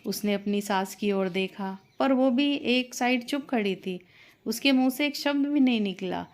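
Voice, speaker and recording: A woman's voice: a little high, a little slow. Woman telling a family story. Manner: steady, plain storytelling. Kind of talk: scripted story narration.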